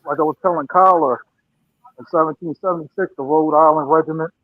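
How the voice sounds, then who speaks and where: A man's voice: a little high, fairly even intonation, fast talker, dry recording. Muffled man on a phone line. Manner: blunt, emphatic, repeats points. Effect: muffled, as if through a wall. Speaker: first-time caller. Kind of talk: call-in talk show.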